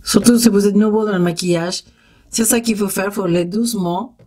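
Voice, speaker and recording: A woman's voice: mid-range voice, steady tone, fairly quick, mellow. Spanish-accented woman chatting through makeup. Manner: chatty and encouraging, talks straight to her viewers; sound effects like "tac" while she works. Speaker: makeup tutorial host. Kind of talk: step-by-step beauty tutorial.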